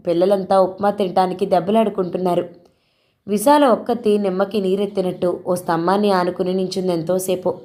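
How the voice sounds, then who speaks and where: A woman's voice: mid-range voice, dark tone. Woman reading a story aloud. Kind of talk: scripted audio story narration.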